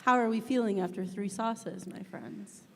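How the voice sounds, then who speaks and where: A woman's voice: mid-range voice, normal speed, vocal fry, fairly bright tone. A woman acting as event host, playfully announcing rounds and reading out questions. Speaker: host of a hot wings question challenge. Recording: echoey hall, noticeable room noise.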